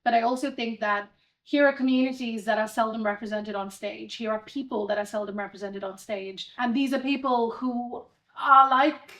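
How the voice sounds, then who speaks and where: A woman with a slightly raised pitch leads an interview, asking open questions. She affirms her guest often and talks in an engaged, conversational way. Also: fairly even intonation, normal speed. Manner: warm, affirming with frequent "yeah".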